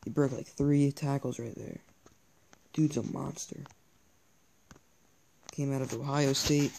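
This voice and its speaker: Gravelly-voiced teen gaming YouTuber. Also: male voice, mid-range voice, steady tone, slow pace, a little mellow, slight background noise. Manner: chatty, rambling, with fillers and cheering. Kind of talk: casual gameplay commentary.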